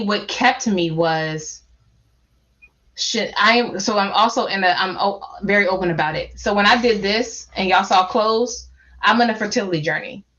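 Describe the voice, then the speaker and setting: A woman on an online panel, talking slowly and haltingly as she fights back tears. Her voice sits at a middle pitch. It comes through dull, lo-fi video-call audio. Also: fairly bright tone. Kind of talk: emotional panel discussion.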